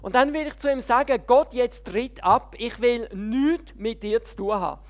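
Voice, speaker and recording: A woman shouting as an angry heckler on a soapbox. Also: fairly high pitch, normal speed, lightly acted. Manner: shouting, lamenting.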